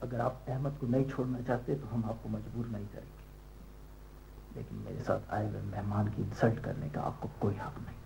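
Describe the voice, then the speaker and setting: An actor playing a barrister who speaks calmly, firmly and formally. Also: male voice, on the low side, normal speed, vocal fry, a little hiss or hum, low-quality recording. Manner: calm, firm and formal. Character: composed middle-aged barrister pressing for a release.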